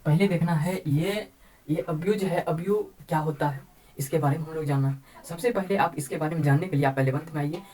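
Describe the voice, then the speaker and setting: A woman teaching a math lesson, explaining slowly and repeating key terms over and over. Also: low-pitched, dark tone, low-quality recording. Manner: repeats words and says "ठीक है" often, slow deliberate explaining. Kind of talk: classroom-style math lesson.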